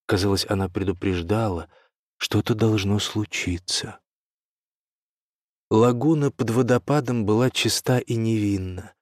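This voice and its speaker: Low-voiced male storyteller. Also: a little slow, darkish tone, dry recording, clean studio sound. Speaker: narrator. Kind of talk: scripted story narration.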